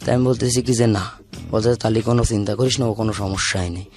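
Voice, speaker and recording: Talking fast in a fairly low, somewhat mellow voice with fairly even intonation, a guest from Bangladesh's Khulna region recounts his life with a southwestern accent. Background music plays as his rambling, repetitive storytelling acts out old conversations in an informal, confessional way.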